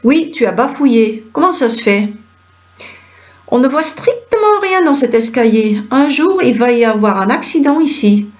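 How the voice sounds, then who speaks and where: A woman reading a stage play aloud and voicing all the roles, moving briskly through quick back-and-forth dialogue. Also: sits high, expressive, a little mellow. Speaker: reader of a play script. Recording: dull lo-fi recording.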